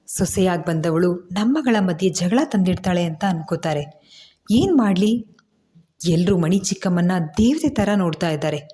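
A frightened young wife, asking worried questions in a pleading tone, as a woman storyteller puts her on. Her voice is mellow and on the low side. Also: close to an everyday voice.

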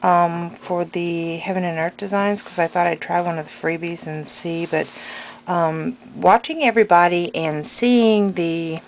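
At a craft table in her home, a craft vlogger and pattern seller chats through an unscripted show-and-tell, hesitant and rambling yet enthusiastic. Her voice is lowish, steady and unhurried, a tongue piercing slightly impedes her articulation, and the home recording is clearly noisy.

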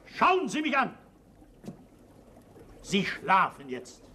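An actor playing a proud, scheming mad professor in a comic TV sketch, with a pompous, theatrical manner. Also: male voice, sits high, huge pitch swings, slow pace, bright, forceful tone, some chatter behind, full character voice. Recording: 1970s TV studio, audience, hiss. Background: studio audience.

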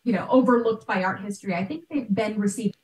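In a video-call interview, a talkative woman likely in middle age, a podcast host and art historian, explains points emphatically and fast. Her mid-range voice has a darkish tone, and her computer mic, in a small bright room at home, sounds distant and roomy.

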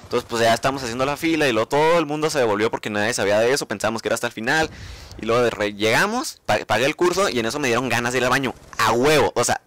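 A man's voice: medium pitch, rapid-fire, fairly bright tone. A young man with a Mexican accent telling a story casually as a vlogger. He swears freely and acts out his own reactions.

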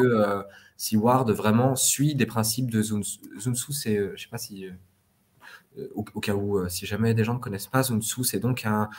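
Low-voiced man explaining, halting. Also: slight background noise. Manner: explanatory, hesitant with many fillers. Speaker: podcast co-host. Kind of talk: literary discussion.

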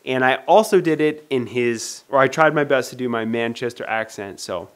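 A man's voice: medium pitch, a bit bright. Playful man hosting a casual vlog. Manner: playful, sounding out odd names slowly. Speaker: vlog host. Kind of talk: casual chat.

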